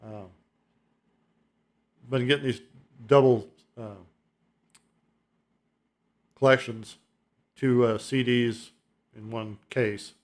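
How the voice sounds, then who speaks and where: A man's voice: mid-range voice, steady tone, slow pace, pauses often. A middle-aged man hosting his own album-ranking video, talking in a loose, rambling way with fillers and chuckles. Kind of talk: casual rambling monologue.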